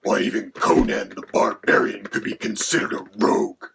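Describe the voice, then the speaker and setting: A voice, given as male, playing a haughty dragon companion with a gravelly, creaky, half-whispered sound. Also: lowish voice, little pitch movement, moderate pace, noisy background. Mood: lecturing. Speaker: co-host.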